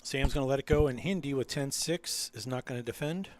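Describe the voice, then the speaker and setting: A man's voice: medium pitch, a little fast, no echo. A man commentating a live poker final table, explaining hands and teasing his co-host in dry banter.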